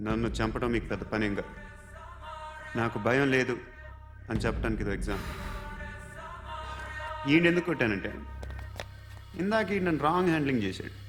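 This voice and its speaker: Man as cool cocky hero, mid pitch, music behind. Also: brisk, long pauses, lightly acted. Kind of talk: film acting.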